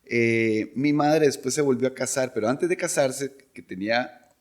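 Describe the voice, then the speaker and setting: A man's voice: mid-range voice, moderate pace. Costa Rican man telling stories casually. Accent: Costa Rican Spanish. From Costa Rica. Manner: relaxed, rambling, chuckles often. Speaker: podcast guest, singer. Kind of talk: casual conversational storytelling.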